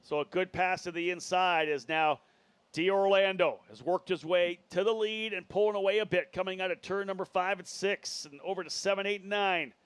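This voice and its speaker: A man's voice: high voice, normal speed, a bit bright, clean tone, dry recording. A man working as a motorsport commentator, giving live play-by-play and running through drivers and positions.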